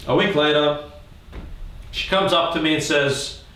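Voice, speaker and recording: A man with a slightly high voice speaks a little slowly, recorded from a distance in an echoey room with slight background noise. He tells funny stories about his own childhood, animated, swearing freely and acting out the voices of the people in them.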